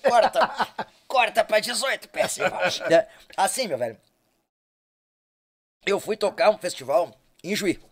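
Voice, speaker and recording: An accordion player from Rio Grande do Sul, with a southern Brazilian accent, tells jokey stories in a casual podcast chat. His voice sits high and unhurried with frequent pauses, and he is an animated storyteller who laughs a lot.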